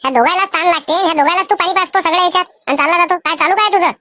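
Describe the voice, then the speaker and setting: A woman's voice: very high voice, very fast, bright, forceful tone, a little hiss or hum. A woman voicing a strict female schoolteacher in a cartoon, scolding and lecturing pupils in a Vidarbha Marathi accent. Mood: stern scolding. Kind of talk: animated cartoon voice acting.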